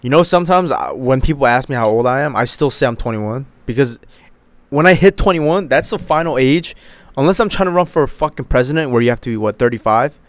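A man's voice: medium pitch, animated, brisk, no room sound. Young male podcast host, early twenties, loose and profane, resonant voice, dry close sound. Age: 20s. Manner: rambling, profane, many fillers. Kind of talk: casual solo chat.

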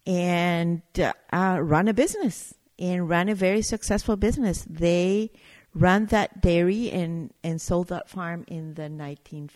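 A woman's voice: on the low side, measured pace, a little mellow. A woman from Chile, a winery owner chatting as an interview guest, telling stories and searching for words as she goes. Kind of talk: casual interview chat.

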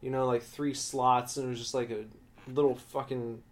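Man, podcast co-host, rambling casual storyteller, mid-pitched voice, swears freely, gets worked up. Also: flat delivery, moderate pace. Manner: rambling, profane, heated when recounting conflict.

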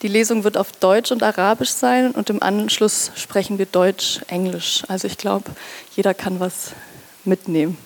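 Woman moderator, mid pitch, friendly and a little halting, at a live reading. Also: fairly even intonation, vocal fry. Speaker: event moderator. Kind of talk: introducing a reading event. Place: museum event space.

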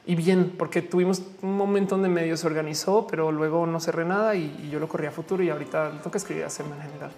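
A woman's voice: sits low, fairly even intonation, fast talker, few pauses, darkish tone. Chatty Mexican woman reading comments. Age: 40s. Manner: chatty, reads comments aloud, laughs often. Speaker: streamer answering chat. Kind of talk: casual live chat.

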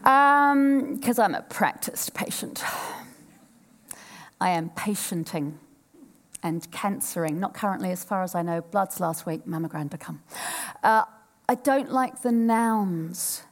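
A woman's voice: medium pitch, animated, slow pace. A woman in her fifties from New Zealand, giving a frank, playful personal storytelling talk on stage and joking with a live audience. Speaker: speaker at a live event.

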